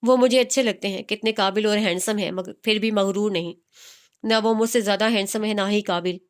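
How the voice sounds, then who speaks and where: A woman's voice: medium pitch, fairly even intonation, a little fast, clean tone, close to an everyday voice. A woman voicing a defiant young heroine who mocks the man courting her. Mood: taunting. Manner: taunting, sharp.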